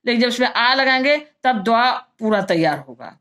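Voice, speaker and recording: Woman teacher explaining grammar step by step, kinda high voice, repeats stuff a lot. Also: big pitch swings, normal speed, a bit bright. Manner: patient and repetitive, checks in with listeners. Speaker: Sanskrit teacher.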